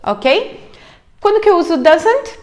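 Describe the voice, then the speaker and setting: A Brazilian woman teaching English grammar in Portuguese, checking in often with "ok" and "alright" and slowly modeling English words. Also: very high-pitched. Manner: lively, frequent English check-ins like ok and alright; drawn-out, slowed model pronunciations. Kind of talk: grammar lesson video.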